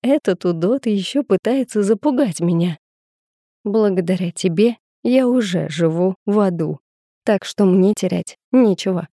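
A woman narrating a first-person audiobook in a steady, intimate storytelling manner on a close studio mic. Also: mid-range voice, unhurried, dry recording.

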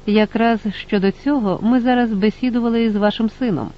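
A man voicing a calm, reserved traveller who answers evasively. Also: sits high, a little fast, highs cut off, pitched above the performer's own voice.

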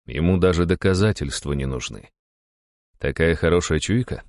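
A man reading an audiobook in an even, steady storytelling voice. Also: low-pitched, normal speed, no echo, clean studio sound. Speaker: audiobook narrator. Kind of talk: audiobook narration.

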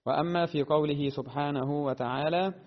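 Man, recitation teacher, deliberate explanations, chants verse examples, slightly high voice, lingering reverb. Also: fairly even intonation. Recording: dull lo-fi sound with long reverb.

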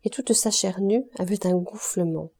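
An audiobook reader, a woman with a mid-range voice, narrates a classic novel aloud. Her scripted literary reading is steady and measured.

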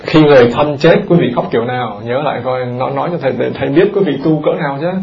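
A male Buddhist monk preaching in a temple hall, his voice gravelly with fry. He keeps turning to his listeners with questions. The recording is dull and lo-fi. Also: mid-range voice, very fast. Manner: animated, questions the audience often. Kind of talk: dharma talk sermon.

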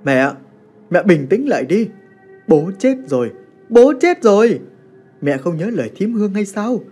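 A man voicing a frightened young son who shouts urgently to wake his sisters and calm his mother. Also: high voice, measured pace, husky, soft background music, voice pushed up, heavily acted. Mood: urgent shouting.

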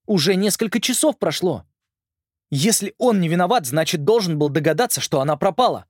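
A man's voice: sits high, expressive, fairly quick, dry recording, studio quality, voice pushed up. A man doing a stubborn twelve-year-old boy. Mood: urgent.

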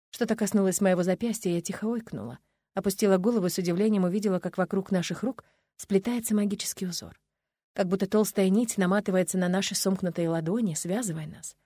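A woman narrates a fantasy romance in the first person, telling it with expression at a middle pitch. The read is dry and close to the mic. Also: no room sound. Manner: expressive storytelling. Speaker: audiobook narrator.

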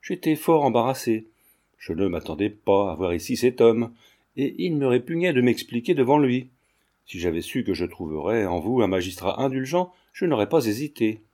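An earnest young man in a storybook, as a reader puts him on, explaining himself defensively. The voice is mellow and darkish, at an ordinary pitch. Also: very animated, moderate pace.

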